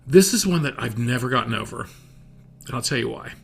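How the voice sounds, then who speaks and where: A middle-aged man hosting a solo podcast, picking apart a musical's lyrics line by line, reading lines aloud with emphasis and dropping to quiet critical asides. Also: mid-range voice, animated, fairly quick, vocal fry, slightly rough. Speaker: podcast host. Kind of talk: solo analysis of a song's lyrics.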